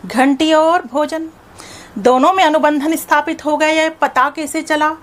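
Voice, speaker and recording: With a high voice and a steady tone, a woman leads a psychology lesson by asking her students questions and answering them herself. She repeats a definition progressively more slowly, heavily stressing its key words.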